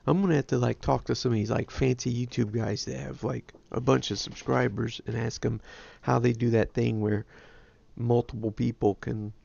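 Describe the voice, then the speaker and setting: A man's voice: mid-range voice, steady tone, moderate pace, vocal fry, a little mellow, muffled recording, a little hiss or hum. A man, hosting a ham radio livestream in a casual, rambling, self-deprecating way. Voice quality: nasal. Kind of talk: casual chat.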